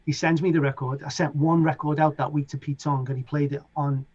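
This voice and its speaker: A man's voice: a little high, a little fast. A middle-aged man with a Liverpool accent, a DJ and producer telling stories in a casual interview and acting out other people's lines. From England. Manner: animated, acts out other people's lines in raised voices. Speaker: DJ and producer guest. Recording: dull lo-fi sound.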